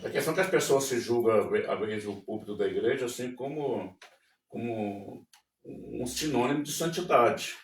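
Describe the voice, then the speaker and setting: A man's voice: mid-range voice, moderate pace. A man co-hosting a casual religious podcast, talking reflectively and often checking in with his listener. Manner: reflective, frequent check-in tags. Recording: roomy, distant mic, faint noise.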